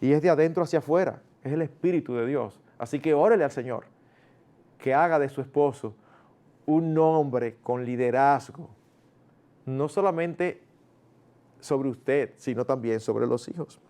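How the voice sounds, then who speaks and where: A man preaching a sermon in a lively, conversational way, acting out family dialogues in a raised voice. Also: mid-range voice, measured pace. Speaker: pastor.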